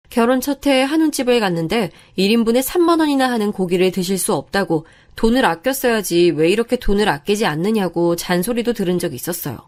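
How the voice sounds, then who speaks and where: A woman reading a scripted first-person family story in a steady, plain confessional manner. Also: medium pitch.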